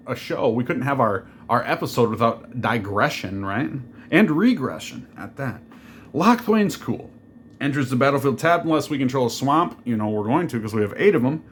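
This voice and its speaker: Guy chatting through his card deck, loose and jokey, lots of ums, faint room hum behind. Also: mid-range voice. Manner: rambling, jokey, full of fillers and digressions. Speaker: deck reviewer. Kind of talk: casual card game deck walkthrough.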